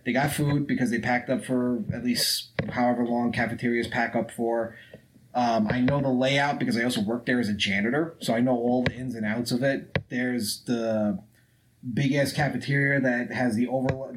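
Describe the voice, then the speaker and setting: A man's voice: mid-range voice, a little hiss or hum, rough recording. A man co-hosting a podcast in casual chat, talking loosely and swearing freely. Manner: loose and profane, acts out scenes with voices. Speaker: podcast co-host.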